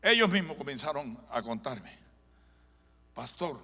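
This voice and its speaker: A man's voice: mid-range voice, normal speed, pushed and bright. A male pastor giving a live sermon, telling a dramatic story and building to fervent preaching in a church. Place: church sanctuary. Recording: long church hall reverb.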